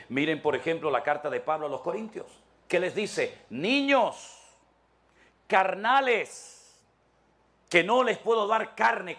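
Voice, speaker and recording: A man, a pastor preaching a sermon emphatically with forceful peaks. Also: a little high.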